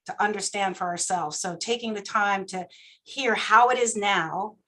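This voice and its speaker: A woman committee member giving measured, reassuring remarks during a hearing. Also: medium pitch, low-quality recording.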